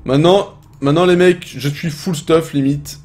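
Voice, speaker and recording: A young French man giving casual, excitable commentary while playing a game, swearing often and talking to his viewers. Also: on the high side, moderate pace, soft background music. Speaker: gaming video host.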